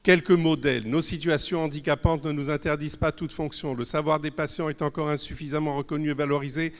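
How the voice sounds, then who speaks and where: A man hosting a conference, formally introducing the guest speakers. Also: a little high. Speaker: conference host. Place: conference hall. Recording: reverberant hall.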